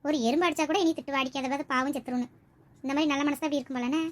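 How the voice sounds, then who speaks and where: A woman voicing a kind but blunt young village wife who talks in a lively way. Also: sits high, rapid-fire, close to an everyday voice. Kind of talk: village comedy skit acting.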